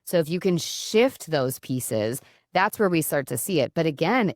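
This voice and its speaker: A woman's voice: low-pitched, no echo, clean studio sound. A middle-aged woman, a counsellor, talking earnestly and reflectively as a podcast guest. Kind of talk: casual podcast conversation.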